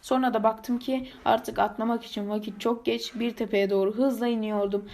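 A teenage boy reading the lines of an injured adult pilot in an audiobook, speaking quietly and wearily. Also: high voice, flat delivery, normal speed. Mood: pained, weary. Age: teens. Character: injured grown man pilot, dazed and in pain.

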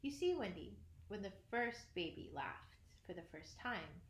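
A woman voicing a cheerful, boastful boy who never grows up, in a storybook reading with a lively, slightly impatient manner. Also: medium pitch, a little slow, close to an everyday voice. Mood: storytelling. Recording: roomy echo.

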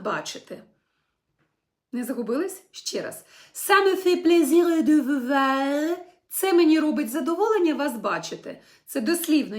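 A young woman with a high voice runs an online language lesson. She explains each phrase word by word and models it slowly and brightly for her students to repeat. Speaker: French teacher.

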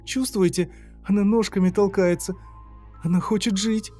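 A frightened pregnant young woman begs for mercy in a high, strained voice, as a male narrator puts her on. Her words come out trembling and pleading, over faint music in a horror audiobook. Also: fairly even intonation, normal speed, dark tone.

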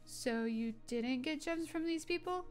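Woman voicing a squeaky, giddy fox-girl shopkeeper. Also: a little slow, faint music behind. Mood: puzzled. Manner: overly excited, squeaky, stumbling over words. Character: bubbly young fox-eared shopgirl. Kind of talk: narrated role-play story.

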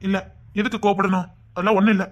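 A woman's voice: mid-range voice, level tone, racing, lo-fi sound. A woman with a Tirunelveli Tamil accent acting in a comedy skit, coaxing and pressing with questions.

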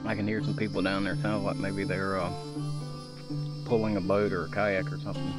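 A man's voice: deep voice, flat delivery, brisk, loud music behind the voice. A man in his thirties chatting easygoingly to viewers as he hikes through a forest to a creek, filmed on an action camera. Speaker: outdoor vlogger. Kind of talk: casual hiking vlog narration to viewers. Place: outdoors in a forest by a shallow creek. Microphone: handheld or body-mounted action camera.

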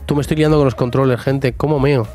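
A man's voice: mid-range voice, fairly even intonation, fast, a little mellow, soft background music. A man streaming a life-sim game live, chatting jokily with viewers and talking to his character. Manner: chatty, jokey, talks to chat and to the sim. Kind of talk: casual live gameplay chat.

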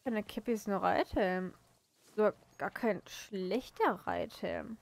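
A woman's voice: medium pitch, takes it slowly, creaky, darkish tone. A young woman casually commenting on her game, chatty and amused at herself, recorded at home on a desk mic. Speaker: gaming host. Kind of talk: casual let's play commentary.

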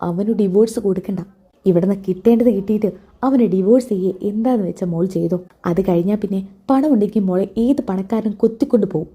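A middle-aged mother who schemes and scolds, her voice dark and husky. A woman reads her lines in a plain storytelling voice. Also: mid-range voice, brisk, natural voice. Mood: scheming.

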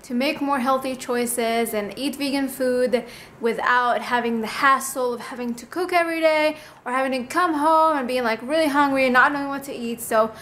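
Her voice is high and a bit bright, moving at normal speed, with a little hiss or hum in the recording. A woman in her twenties, she vlogs casually while cooking in a small apartment kitchen, talking to a handheld camera with bubbly enthusiasm and tasting the food.

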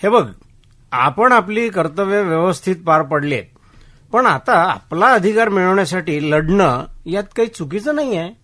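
A man's voice: high-pitched, expressive, measured pace, a bit bright. An actor playing an elderly man who speaks bluntly and lectures his friend about neglectful children. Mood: lecturing. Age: older. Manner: blunt, lecturing, plain-spoken. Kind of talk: radio drama acting.

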